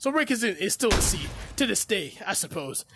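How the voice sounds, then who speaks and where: A man in a rambling comic rant, excitable, stammering and repeating himself as he tells a wild story. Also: sits high, fairly quick, background noise. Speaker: VR gamer.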